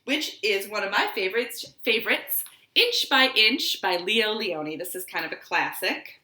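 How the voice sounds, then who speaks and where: Speaking from an echoing living room, a woman who hosts library storytime reads aloud and leads rhymes for little kids. Her medium-pitched voice is expressive, bright, and forceful, and she takes her time, keeping her phrases simple and encouraging.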